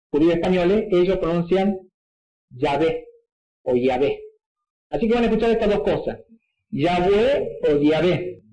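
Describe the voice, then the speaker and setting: High-voiced man teaching in an echoey room. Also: mellow. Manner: didactic, frequent checking "¿sí?" asides. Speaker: preacher teaching at a whiteboard. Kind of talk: explanatory Bible teaching.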